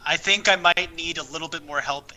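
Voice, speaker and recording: A man's voice: on the high side, fairly even intonation, fairly quick, sharp tone, slight background noise. A young man playing a tabletop game, hesitant, with frequent ums and restarts. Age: young adult. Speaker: player. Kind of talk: casual tabletop play.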